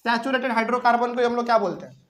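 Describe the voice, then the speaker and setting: A man's voice: very high-pitched, steady tone, very fast, a bit bright. A man teaching a chemistry lesson at a whiteboard in Hindi with a Bihari accent, asking the class questions as he explains step by step.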